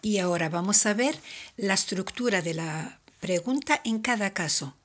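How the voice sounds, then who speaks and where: A woman teaching a French lesson, explaining step by step and repeating each example slowly. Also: mid-range voice. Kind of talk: slow, careful language lesson.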